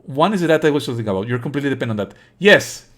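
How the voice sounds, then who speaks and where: With a medium-pitched, animated, fairly bright voice, a man streams casual commentary on a game. He sounds scornful and full of opinions, swearing and explaining in fits and starts, often repeating himself.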